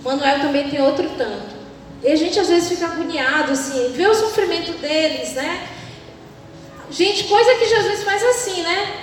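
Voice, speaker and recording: High-voiced woman preaching in an echoing hall. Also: normal speed, slight background noise. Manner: animated, acts out quoted voices, laughs often. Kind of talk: sermon. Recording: echoey hall, speaker far from mic.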